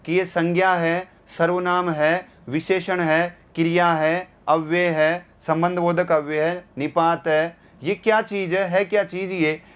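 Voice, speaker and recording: A man's voice: sits high, little pitch movement, measured pace, hardly any pauses, fairly bright tone, smooth. A man teaching Hindi grammar in an exam-prep lecture, repeating key terms and asking rhetorical questions. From India.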